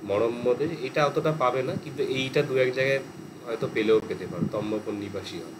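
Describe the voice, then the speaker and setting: A man's voice: medium pitch, quick pace. A male teacher with a West Bengal Bengali accent, lecturing in a class and explaining terms at length with English words mixed in. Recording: air conditioner hum behind.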